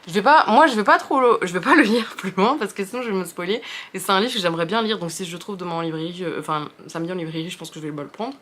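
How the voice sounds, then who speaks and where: A woman's voice: lowish voice, racing, fairly bright tone. Chatty young Frenchwoman rambling about books. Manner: rambling, many fillers and restarts; self-deprecating, chatty. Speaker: book video host. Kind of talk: casual chat about books.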